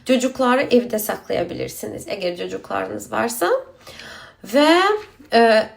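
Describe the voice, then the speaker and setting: A woman hosts an informal question-and-answer video explaining the asylum procedure, speaking slow, halting, broken Turkish with an Azerbaijani accent and Azerbaijani mixed in, as a non-native speaker would. Her medium-pitched voice is creaky, with lively intonation.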